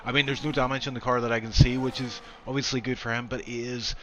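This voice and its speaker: A man's voice: medium pitch, little pitch movement, fast, fairly bright tone, slight background noise. A man hosting a league sim race stream, chatting casually, asking his co-commentator questions and reading out viewer comments.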